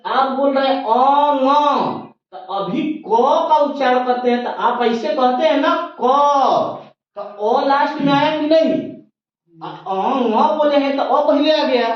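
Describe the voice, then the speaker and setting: A man teaching Hindi pronunciation as a classroom lecture, patiently repeating sounds and asking questions he then answers himself. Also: very high voice. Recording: echoey room, distant lo-fi mic.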